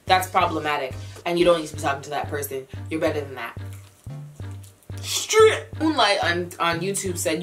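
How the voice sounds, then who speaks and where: A woman's voice: lowish voice, fairly bright tone. A young adult woman chatting casually as a vlogger answering viewer questions, candid with advice and repeating phrases for emphasis. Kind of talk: casual mukbang chat to camera.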